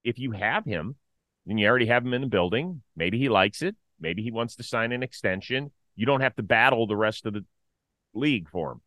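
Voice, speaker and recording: A middle-aged man co-hosting a casual sports talk show, animated and opinionated, full of quick asides. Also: mid-range voice, no echo. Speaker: podcast co-host.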